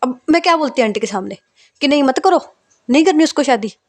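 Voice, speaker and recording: Woman reading as young girlfriend, pleading, defensive, a little high. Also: lively intonation, brisk.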